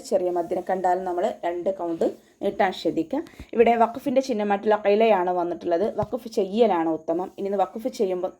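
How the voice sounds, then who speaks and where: A woman's voice: medium pitch, dark tone. A woman teaching an online recitation class, patiently explaining each sound step by step. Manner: patient step-by-step instruction with slow chanted recitation.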